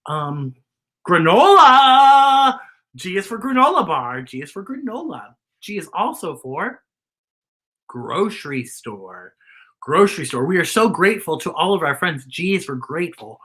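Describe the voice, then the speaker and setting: This woman's voice sits on the low side, husky with a touch of brightness. Hosting a kids' story time, she plays it theatrical and exclamatory, dishing out campy drag-queen sass and breaking into bits of singing.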